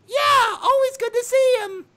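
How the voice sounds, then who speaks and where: A woman voicing a squeaky, cheerful cartoon mouse in a strained falsetto while reading a story aloud. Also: pushed and bright, exaggerated voice. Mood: squeaky, chipper. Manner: squeaky Mickey Mouse-style falsetto, slow storybook delivery. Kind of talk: comic fan fiction read-aloud.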